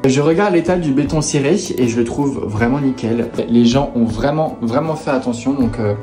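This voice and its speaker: This renovation vlogger has a dark-toned, medium-pitched voice and speaks at normal speed. He walks through the apartment he's fixing up, casually explaining to the camera over soft background music.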